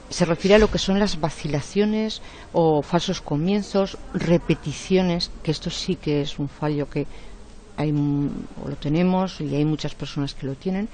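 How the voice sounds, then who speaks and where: A woman teaches an online class. Her voice is strong and forceful. She explains each point patiently and checks in with short tag questions along the way. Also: deep voice. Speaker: lecturer. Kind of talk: online lecture.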